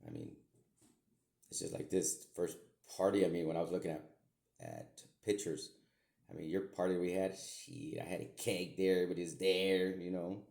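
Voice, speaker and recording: A middle-aged man with a low, gravelly voice talks to his daughter in a meandering way, circling back and repeating himself. His words echo around the room he records in. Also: lively intonation, moderate pace, darkish tone. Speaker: podcast host, self-described medium. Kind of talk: rambling spoken message to his daughter. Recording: echoey room.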